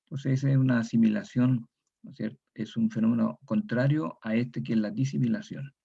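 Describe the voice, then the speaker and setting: A Chilean man delivers a methodical lecture in a dark, husky voice with a gravelly edge. He repeats each example word and adds tag questions as he goes. The recording sounds dull and lo-fi. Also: medium pitch, steady tone, a little fast. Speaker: university lecturer.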